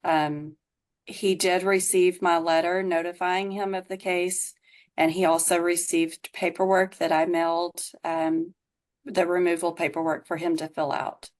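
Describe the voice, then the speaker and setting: A woman's voice: fairly low pitch, level tone, measured pace. A woman testifying as an investigator in a courtroom recording, giving formal, brief, factual answers.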